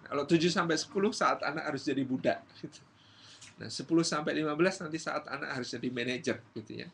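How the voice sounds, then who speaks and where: Male preacher, Islamic study lecture, lively storytelling, slightly high voice, faint background hum. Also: gravelly. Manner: lively storytelling, acts out quotes. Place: community gathering hall.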